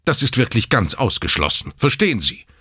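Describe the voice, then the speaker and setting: A man's voice: medium pitch, big pitch swings, brisk, bright, forceful tone, husky, no room sound, studio quality, voice pushed up, heavily acted. A man voicing a stern, strict female hospital nurse, in a storybook reading. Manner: stern, firm.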